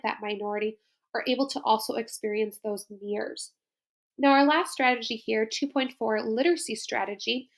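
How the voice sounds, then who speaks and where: A woman school librarian narrating a slide presentation in an upbeat, explanatory way. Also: a little high.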